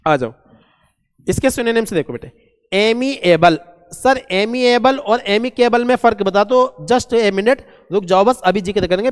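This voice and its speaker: A man's voice: sits high, clean tone, big-room sound. A man teaching an English vocabulary lesson, repeating key words and quizzing his students.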